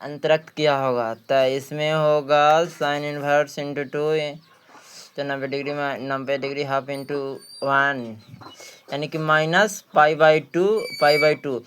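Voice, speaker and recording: A man with a Bihari accent works through questions in a maths exam practice lesson, repeating phrases and answering his own questions. His voice is fairly high and level, a bit bright and clean, and he takes it slowly.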